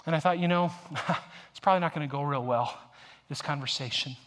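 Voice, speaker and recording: An American pastor in his forties delivers a conversational sermon, shifting from emphatic peaks to soft, hushed storytelling. His voice is on the high side and his pace is brisk.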